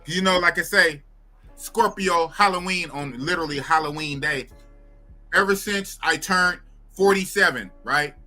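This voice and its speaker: A man in his fifties with a high, very bright voice, chatting casually as a host. He talks in a loose, slangy way and circles back to repeat himself. Faint music plays behind him. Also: a little slow. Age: 50s. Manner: loose, repetitive, slangy questioning. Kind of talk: casual chat.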